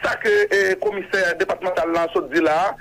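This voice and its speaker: A man calling in to report, indignant and halting, with frequent restarts. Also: sits high, steady tone, a crowd in the background, poor audio.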